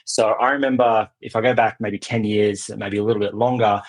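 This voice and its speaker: A man's voice: fairly low pitch, flat delivery, a little fast, low-quality recording. A middle-aged man with an Australian accent, speaking as a guest in a podcast interview, talkative and prone to restarting his sentences. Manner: talkative, many restarts and repeated words. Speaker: guest, cybersecurity vendor executive.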